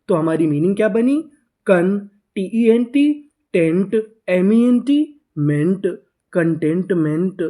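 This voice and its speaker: A man's voice: high voice, mellow. A man teaching English reading to Hindi-speaking students, spelling words out syllable by syllable and repeating each answer. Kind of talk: spelling-code lesson, drilling syllables.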